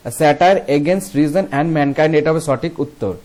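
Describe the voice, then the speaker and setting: A young man with a Bengali accent, working through exam questions as a teacher. He moves between Bengali and English, reading each question slowly and then explaining in quick bursts. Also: on the high side, darkish tone.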